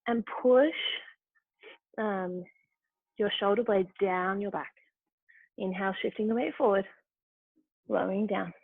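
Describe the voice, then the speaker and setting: A woman's voice: mid-range voice, measured pace, creaky, pauses often, slightly rough, no room sound. A woman leading a yoga class, giving short, encouraging cues for each movement. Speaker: yoga instructor. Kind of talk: guided yoga class instruction. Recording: tinny phone-like dry sound.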